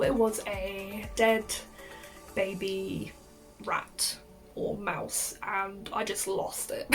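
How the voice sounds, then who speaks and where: A young woman, telling a story to camera in a chatty way, saying "like" a lot and laughing often. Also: medium pitch. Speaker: vlogger.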